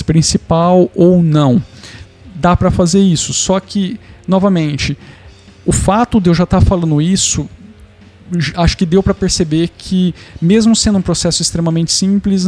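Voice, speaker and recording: A man with a Brazilian Portuguese accent and a voice pitched a bit high for a man. He explains tech setups casually, thinking out loud with frequent restarts and tag questions to the viewer. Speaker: tech channel host.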